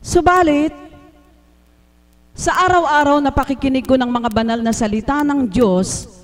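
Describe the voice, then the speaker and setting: A man's voice: extremely high pitch, normal speed. A man from the Philippines giving an earnest, emotional religious testimony, speaking politely and respectfully to a congregation. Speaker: church member giving testimony. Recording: live stream recording.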